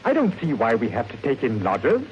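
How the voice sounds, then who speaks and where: A querulous, swooping old radio pensioner. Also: male voice, mid-range voice, huge pitch swings, brisk, a little mellow. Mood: grumbling. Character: grumbling older male pensioner, doubtful husband. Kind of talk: old radio thriller acting. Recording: muffled vintage radio recording with music.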